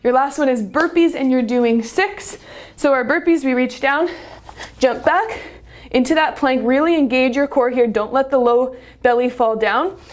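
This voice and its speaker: A woman's voice: sits high, moderate pace. A young woman fitness instructor talking through a workout while doing it, upbeat and slightly out of breath. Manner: upbeat, cueing exercises while moving. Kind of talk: workout demonstration.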